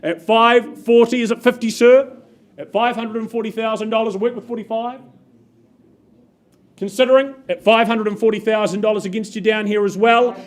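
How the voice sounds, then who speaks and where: A New man working as an auctioneer, calling bids in brisk, upbeat patter, his voice a little muffled by a face mask. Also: high-pitched, fairly even intonation. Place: auction room.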